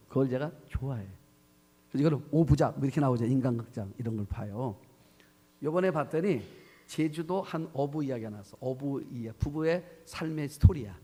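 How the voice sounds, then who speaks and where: A man's voice: mid-range voice, dark tone, husky. A male pastor preaching a sermon, telling a story and acting out its dialogue, often asking the congregation questions. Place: church sanctuary. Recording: long church hall reverb.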